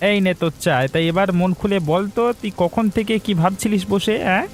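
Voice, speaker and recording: A man's voice: sits high, brisk, lightly acted. A man voicing a sly, scheming village shopkeeper in a cartoon, grumbling and crafty. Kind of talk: Bengali cartoon voice acting.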